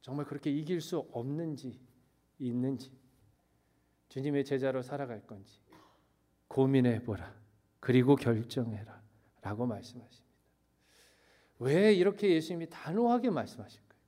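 This middle-aged pastor delivers his sermon emphatically, moving from booming statements to hushed lines and mixing in English phrases. He has a medium-pitched, expressive voice, talks at an ordinary speed, and leaves long pauses.

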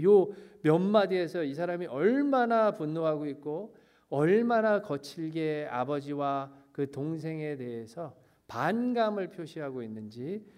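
A man's voice: on the high side, darkish tone. A man preaching a sermon as a pastor, asking the congregation questions and answering them himself.

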